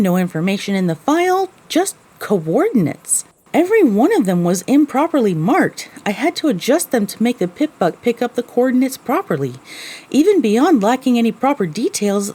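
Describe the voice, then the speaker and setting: A woman with a slightly rough, somewhat high voice narrates and leads an audio drama as a young female pony, a weary and sarcastic wasteland survivor telling her own story. Her delivery is expressive and theatrical.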